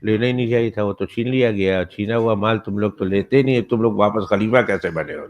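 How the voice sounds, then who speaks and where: A man's voice: fairly low pitch, muffled recording. A male Islamic cleric telling a story in a sermon, emphatic and full of repeated rhetorical questions.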